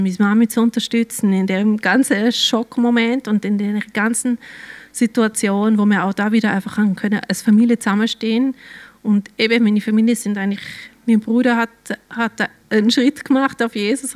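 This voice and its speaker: Swiss woman, church testimony, emotional and halting, mid-pitched voice. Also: a little mellow. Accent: Swiss German. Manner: emotional, halting, drops to near-whispers. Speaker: church member giving testimony. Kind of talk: personal faith testimony.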